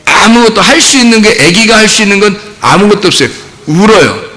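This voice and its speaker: A man preaching a sermon as pastor, animated and acting out the voices of parents and doubters. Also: sits high, fast talker. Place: church sanctuary. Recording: long church hall reverb.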